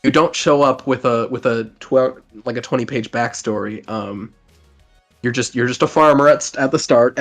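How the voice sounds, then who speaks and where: A man with a mid-pitched voice talks about tabletop games in a loose, rambling way. He leans on "like" and swears casually. Faint music plays underneath. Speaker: co-host reviewing a tabletop game. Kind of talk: casual podcast chat.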